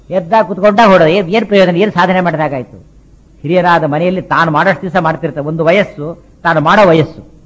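A man's voice: fairly high pitch, rough recording. Man giving a spiritual discourse. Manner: repetitive, rhetorical questions, chants verses slowly. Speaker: religious speaker.

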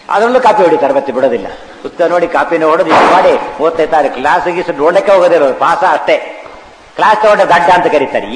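A man delivers a devotional discourse, chanting scripture verses slowly and then unpacking them in plain talk. His voice sits a bit high for a man. The recording rings with a long echo from a large hall, over a faint hum of ambience. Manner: explanatory, chants scripture lines slowly, asks and answers his own questions. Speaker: religious teacher.

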